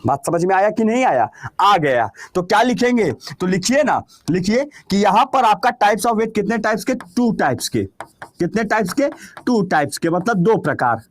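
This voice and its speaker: A man's voice: sits high, very animated, normal speed. A man with a Bihari Hindi accent teaching a class, who keeps asking questions and answering them himself. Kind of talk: classroom lecture.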